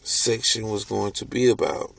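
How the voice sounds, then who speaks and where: A man hosting a video, reading from a book aloud and stopping to comment on it in a deliberate way. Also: on the low side, flat delivery, gravelly, slight background noise. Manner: deliberate, stops to comment on what he reads. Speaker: video host.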